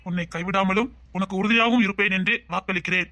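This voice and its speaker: A man playing a young groom who speaks quickly and earnestly, reassuring his bride. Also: high-pitched, fairly even intonation, pushed and bright, dry recording, studio quality. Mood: solemn. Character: young groom, devoted and protective. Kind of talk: Tamil web-series drama acting.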